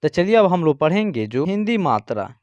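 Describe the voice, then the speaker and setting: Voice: medium pitch, sing-song, fairly quick, darkish tone, dry recording, highs cut off. An online teacher giving a patient beginner's lesson, reciting letters one by one and often adding small check-in fillers. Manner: patient, repeats "theek hai" and "jo hai" fillers.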